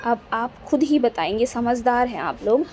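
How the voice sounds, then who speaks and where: Speaking at a normal speed with lively intonation, a woman with a slightly high, somewhat mellow voice lectures a class on physics. A faint hiss or hum sits under the recording. She is patient and repetitive, regularly checking whether students understand.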